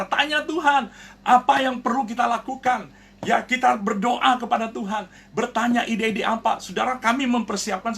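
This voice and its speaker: A man's voice: high voice, vocal fry, a bit bright. A man pastor preaching a sermon to his congregation, earnest and direct, often calling listeners "brothers and sisters" and acting out the voices in his stories. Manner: earnest preaching, addresses listeners as "saudara", acts out quoted voices. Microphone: online prayer broadcast.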